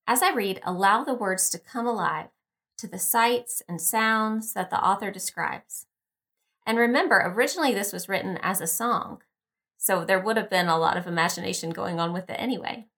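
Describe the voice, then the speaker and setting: Music plays beneath a woman's medium-pitched voice as she guides meditation and reads from scripture on her devotional podcast. She speaks in an unhurried, calm manner, offering gentle instruction.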